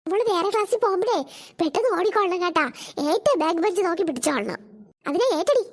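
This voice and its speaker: Very high squeaky little cartoon schoolgirls, chattering and giggly. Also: lively intonation, fast. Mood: worried. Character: chattering young schoolgirls, cheeky and gossipy. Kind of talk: cartoon voice acting.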